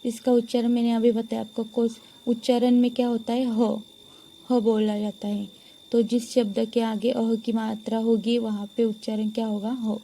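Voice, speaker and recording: A woman teacher giving a lesson to young pupils, slowly sounding out words one by one and repeating them for the class. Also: on the high side, level tone, warm tone, a little hiss or hum. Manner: slow, deliberate, repeats each word for pupils to follow.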